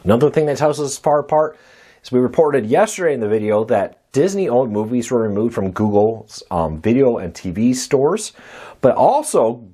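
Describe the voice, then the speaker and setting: Husky man hosting a news roundup. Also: mid-range voice, very animated, dark tone. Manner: brisk, conversational delivery with rising emphasis. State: weak post-cold voice. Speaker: host.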